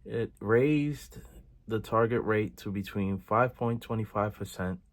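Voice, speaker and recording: A man with a fairly low voice hosts his own video channel. He reads figures and gives his views in a measured way, often pausing on fillers. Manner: measured reading with frequent filler pauses. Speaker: video host. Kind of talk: reaction commentary, reading statistics.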